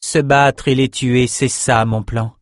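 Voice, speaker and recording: A man's voice: mid-range voice, level tone, takes it slowly, no echo, clean studio sound, close to an everyday voice. A man voicing a bold, cold-blooded woman battle magician who gives curt orders in an audiobook. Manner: curt and commanding.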